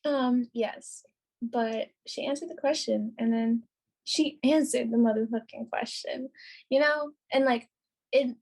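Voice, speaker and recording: High-voiced, gushing young woman. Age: young adult. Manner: excitable, gushing, peppered with "like" and swearing. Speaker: podcast guest, pageant makeup artist. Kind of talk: casual storytelling.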